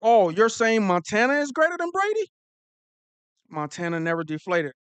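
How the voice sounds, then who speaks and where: A man hosting a casual live stream, talking fast and excitedly, repeating himself and using slang. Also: high-pitched, smooth, dry recording. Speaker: football streamer host.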